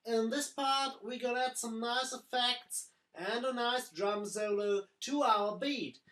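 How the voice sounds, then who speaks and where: A woman giving a screen-recorded music software tutorial, in simple phrasing that doubles words like "very, very". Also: a little high, steady tone, takes it slowly, reverberant, poor audio.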